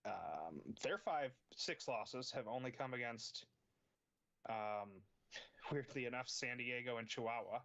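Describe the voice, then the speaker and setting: A man co-hosting a sports podcast, talking in a steady, laid-back way with dry humor. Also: mid-range voice, takes it slowly, creaky, lo-fi sound. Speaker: podcast co-host. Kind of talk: casual sports chat.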